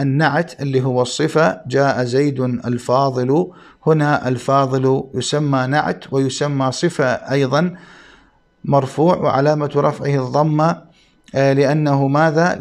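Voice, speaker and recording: A man giving a grammar lesson, who asks questions and answers them himself, slowing down to stress key points. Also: medium pitch, fairly even intonation. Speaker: grammar teacher. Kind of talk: classroom lesson explaining Arabic grammar.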